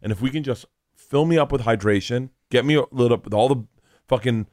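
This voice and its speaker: A man's voice: medium pitch, a little fast, a little mellow, no room sound, studio quality. A young adult man co-hosting a podcast, telling rambling stories in casual chat, swearing and acting out what people said. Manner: rambling storyteller, swears, acts out quotes. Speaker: podcast co-host.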